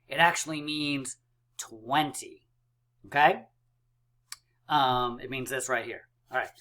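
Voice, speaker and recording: Male math coach for kids, bright voice, unhurried, chatty with fillers. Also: medium pitch. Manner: upbeat, chatty, many fillers. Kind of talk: kids' math lesson.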